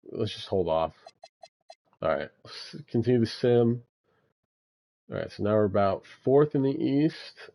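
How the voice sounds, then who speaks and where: A man's voice: sits low, dark tone. A young man giving laid-back gameplay commentary, thinking aloud with frequent fillers as he manages a basketball franchise. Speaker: gaming YouTuber.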